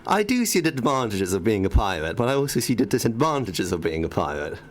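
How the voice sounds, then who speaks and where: A man's voice: lowish voice, big pitch swings, quick pace. A young man co-hosting a casual radio show in a studio, wry and polite. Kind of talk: casual banter on student radio.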